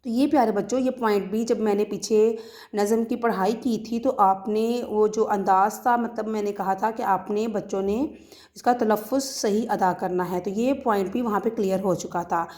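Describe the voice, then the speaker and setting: A woman's voice: medium pitch, fairly even intonation, a little mellow. A woman school teacher from Pakistan giving a recorded lesson to children, patiently explaining word meanings with fillers and restarts. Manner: patient explaining with frequent fillers and restarts, recites poetry in a measured lilt.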